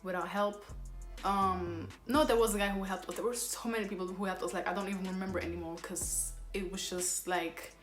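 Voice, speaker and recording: A young woman who speaks Somali as her first language vlogs a casual storytime, rambling and exasperated, with repeated self-corrections. Her mid-range voice is brisk with fairly even intonation, recorded in a roomy echo over faint background music.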